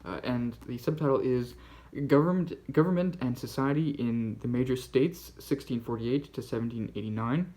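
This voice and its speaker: A Canadian man hosts a relaxed book channel, chatting through his finds. His voice sits at an ordinary middle pitch, and his delivery is halting and rambling, full of small restarts. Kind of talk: casual book-haul vlog.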